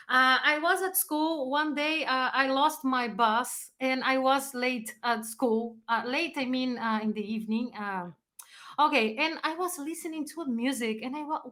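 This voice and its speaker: A Brazilian musician and music teacher, a native Portuguese speaker raised partly in Chile, tells personal stories in non-native English during a casual interview. Her high voice is expressive and animated, and she acts out moments as she goes.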